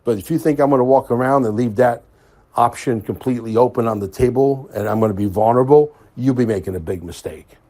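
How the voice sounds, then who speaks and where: A husky, slightly rough male voice delivering a casual podcast monologue. He talks emphatically, circling back to repeat key phrases for weight, pitched at an ordinary middle register. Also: quick pace, dark tone. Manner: emphatic, repeats himself for stress. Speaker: podcast host.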